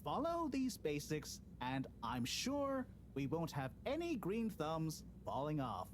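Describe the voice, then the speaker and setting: A man's voice: on the high side, wildly swooping pitch, slow pace, slight background noise, full character voice. A man playing a nerdy, wry, anxious professor in a video game, with a pedantic manner. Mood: pedantic, self-satisfied. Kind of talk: video game character acting. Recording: music behind the voice.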